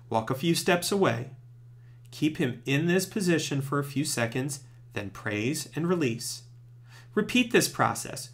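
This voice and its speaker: A man presenting scripted training tips, giving clear step-by-step instructions as a narrator. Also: medium pitch.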